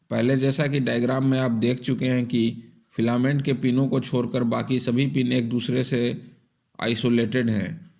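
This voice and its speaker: A man narrates an electronics repair tutorial step by step, explaining things methodically. His mid-range voice is creaky and a little mellow.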